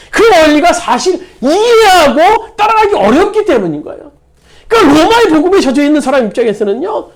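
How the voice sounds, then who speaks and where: High, animated preacher giving a sermon. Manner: emphatic, repetitive stress on key words. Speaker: pastor. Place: church sanctuary.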